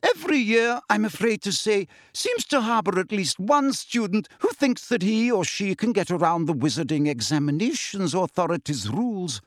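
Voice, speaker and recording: A man's voice: high-pitched, sing-song, moderate pace, hardly any pauses, no echo, studio quality, voice pushed up. Professor McGonagall, a stern older woman, as a man puts her on. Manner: clipped, severe and formal.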